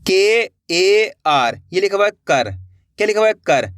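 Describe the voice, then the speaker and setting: High-voiced man teaching letter by letter. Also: very animated, a little slow, a bit bright, clean tone, no room sound, clean studio sound. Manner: patient, repetitive, quizzing questions. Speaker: English teacher. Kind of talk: spoken lesson, spelling out words.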